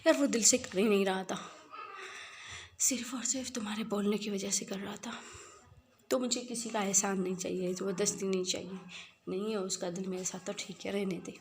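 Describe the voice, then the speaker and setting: A woman voicing an upset young woman who speaks softly and insists she is hurt, in a spoken story. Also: medium pitch, slight background noise, close to an everyday voice. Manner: soft, complaining, insistent.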